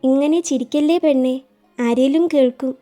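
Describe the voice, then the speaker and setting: A woman's voice: sits high, fairly even intonation, moderate pace, warm tone, soft background music, natural voice. A woman voicing a tender young lover man.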